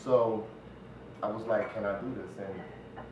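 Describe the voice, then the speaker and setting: Speaking a little slowly in a low, steady voice, a middle-aged American playwright answers as an interview guest in a casual, earnest manner, peppering his talk with asides. The mic is distant, the room very echoey, and the recording noisy.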